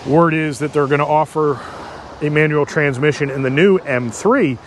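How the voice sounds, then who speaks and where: A man giving a casual, unscripted car dealership walk-through as a vlogger, halting and thinking aloud as he looks around. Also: on the high side. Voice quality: talking through a face mask indoors. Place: car dealership, showroom then outdoor lot. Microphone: microphone with a furry windscreen. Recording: handheld vlog with background ambient noise.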